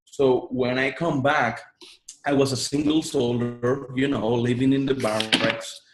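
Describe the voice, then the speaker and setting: A Puerto Rican online marketer, whose first language is Spanish, tells his story as an interview guest in a Puerto Rican Spanish accent. He speaks earnestly and often repeats words, his mid-range voice steady and measured in pace. The recording is rough and reverberant.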